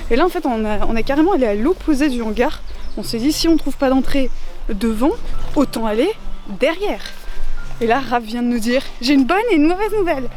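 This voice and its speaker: A young woman chatting casually on a vlog while exploring abandoned places outdoors, excitable and exclamatory, with a handheld camera. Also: sits high, a little fast. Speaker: urbex vlogger. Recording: clear background music.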